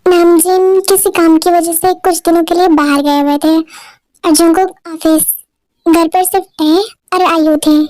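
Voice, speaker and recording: A woman narrating a fan audio drama and voicing a calm, sarcastic young wife. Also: very high voice, unhurried, slight background noise.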